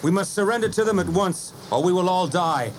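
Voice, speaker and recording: A man's voice: sits high, lively intonation, normal speed, a little hiss or hum, pitched above the performer's own voice. A man voicing an earnest superhero who speaks solemnly. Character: heroic male superhero, earnest and grave.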